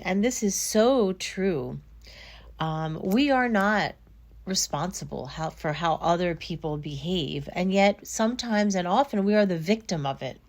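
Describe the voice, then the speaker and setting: This is a thoughtful podcast segment where a therapist, a woman in middle age, calmly unpacks self-blame by drawing on daily-life examples. Her pitch is medium.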